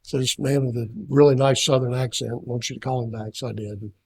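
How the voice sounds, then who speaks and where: A man's voice: mid-range voice, steady tone, a little fast, a little mellow, slightly rough. An older man from Kentucky giving a seminar talk, telling a rambling personal story full of fillers and restarts. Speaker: seminar speaker. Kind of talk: anecdotal talk.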